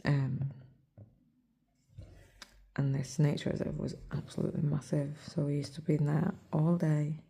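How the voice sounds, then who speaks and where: A cross-stitch vlogger from England chats casually while stitching, her hoarse, low voice a soft, near-whispered murmur. It stays level and mellow with a gravelly, husky roughness, her tone level, her pace measured, with long pauses. It was recorded on a phone.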